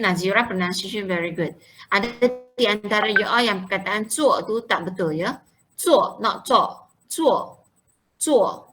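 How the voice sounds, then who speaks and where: A woman teaching a Mandarin lesson, drilling pronunciation and repeating words slowly and clearly for her students. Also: medium pitch, bright, forceful tone, rough recording.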